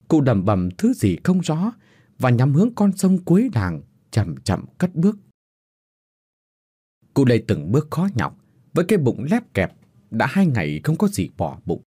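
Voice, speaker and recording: Dark, husky male storyteller. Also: mid-range voice, no echo, clean studio sound. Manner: dramatic, expressive storytelling. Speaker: narrator. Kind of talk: ghost story narration.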